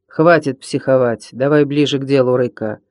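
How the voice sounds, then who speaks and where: A man's voice: medium pitch, fairly even intonation, moderate pace, darkish tone, dry recording, natural voice. A man voicing a boy who leads an expedition, speaking firmly and in a businesslike way. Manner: firm, businesslike. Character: stern boy expedition leader.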